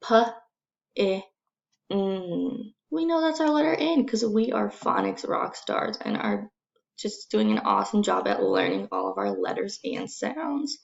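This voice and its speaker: A woman with a very creaky voice speaks like a kindergarten teacher in a recorded phonics lesson. She is encouraging and unhurried, repeating simple phrases and spelling out sounds distinctly. Her pitch moves in a lively way, and the recording is a little dull. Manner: sounds out letters and words slowly and distinctly.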